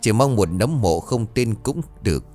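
A man's voice: lowish voice, lively intonation, normal speed, darkish tone, soft background music, close to an everyday voice. Man voicing a vengeful mother's ghost. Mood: mournful. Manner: bitter, grinding.

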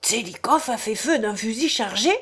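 A woman reading an audiobook voices an excitable curly-haired nobleman who asks quick, incredulous questions. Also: high-pitched, breathy edge, full character voice.

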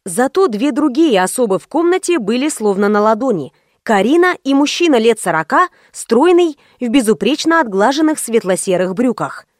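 Woman narrating an audiobook, high voice. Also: big pitch swings, normal speed, no room sound, clean studio sound.

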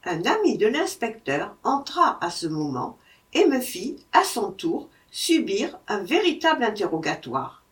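A woman reading a first-person travel account aloud in a measured, expressive way, recorded slightly off-mic. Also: medium pitch, far from the mic. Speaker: audiobook reader.

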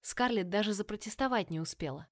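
A woman's voice: mid-range voice, fast talker, no room sound. Woman narrating a novel, dry and close. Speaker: audiobook narrator.

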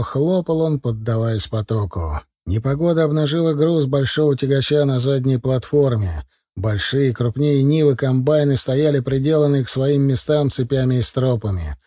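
Give me a man reading first-person narration with a mellow, slightly husky voice. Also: medium pitch, normal speed, no room sound, studio quality. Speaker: audiobook narrator.

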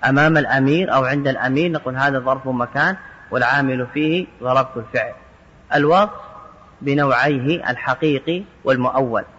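A man at a middle pitch explains grammar with patient, methodical care, quoting an example and then breaking it down word by word. His voice carries a long hall reverb, and the recording sounds dull and lo-fi. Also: quick pace, a bit bright, husky. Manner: methodical, quotes verse examples then parses each word. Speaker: Arabic grammar teacher. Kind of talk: explaining a grammar text line by line.

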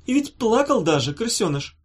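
A man reading a storybook voices a sharp-tongued, scornful young woman with a mocking, sarcastic manner. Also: fairly high pitch, sing-song, normal speed, slightly rough, pitched above the performer's own voice. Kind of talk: audiobook character voice.

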